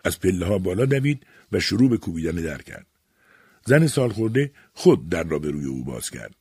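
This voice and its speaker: A man reading an audiobook in measured, dramatic scripted narration. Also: low-pitched, big pitch swings, darkish tone, slightly rough, no room sound, clean studio sound.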